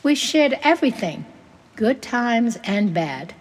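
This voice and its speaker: A woman voicing a grieving older immigrant farm woman, telling old family memories in a gentle, tearful way. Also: fairly high pitch, sing-song, takes it slowly, big-room sound, pitched above the performer's own voice, exaggerated voice. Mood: wistful.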